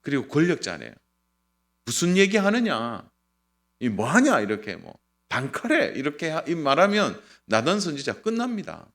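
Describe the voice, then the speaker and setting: A middle-aged male pastor giving an earnest sermon, swinging between loud and soft. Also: on the high side, normal speed. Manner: lively, earnest preaching with sudden loud and soft turns.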